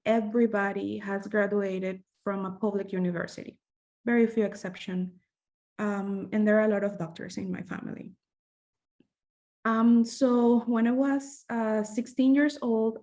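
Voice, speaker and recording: A young woman from Venezuela with a Venezuelan Spanish accent, a medical fellow presenting at a webinar, speaking haltingly with many fillers and restarts. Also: mid-range voice, a little mellow. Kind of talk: conference presentation.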